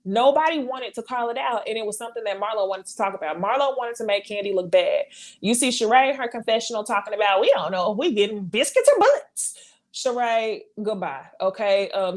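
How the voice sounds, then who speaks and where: Blunt, animated woman ranting about reality TV. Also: on the high side. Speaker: reality TV recap host. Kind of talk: casual live-stream commentary.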